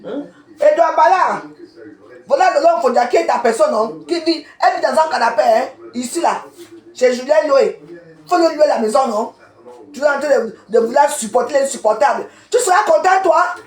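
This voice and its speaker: Her high-pitched, darkish voice moves at a moderate pace as this Cameroonian woman rants on a live video. A social media commentator, she confronts people by name and keeps repeating herself, and the sound echoes around the room.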